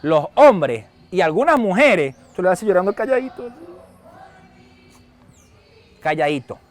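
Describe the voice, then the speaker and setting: Man, Venezuelan Spanish accent, pastor, lively sermon storytelling, high voice. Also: normal speed. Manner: storytelling, animated, shouts when acting out a scene.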